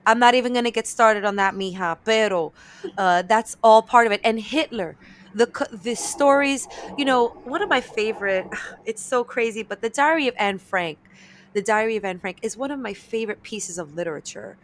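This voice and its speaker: A woman's voice: fairly high pitch, normal speed, slight background noise. A woman, a comedian and voice actor, chatting animatedly as a podcast guest and dropping Spanish words into her talk. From New York, of Dominican and Eastern European roots. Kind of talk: casual podcast interview.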